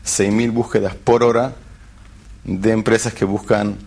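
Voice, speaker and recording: A man's voice: fairly low pitch, flat delivery, unhurried, darkish tone. A man, a tech company founder who hesitates and restarts often as he searches for words in a TV interview. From Argentina. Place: television studio.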